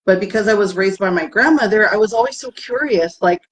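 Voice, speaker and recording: An herbalist business founder from the United States, bilingual with Tagalog, talks as an interview guest. Her voice sits at medium pitch, her pace is a little fast, and her tone is earnest and heartfelt.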